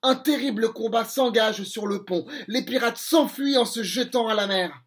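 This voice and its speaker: A man reading a storybook aloud to children, slow and expressive. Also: very high-pitched.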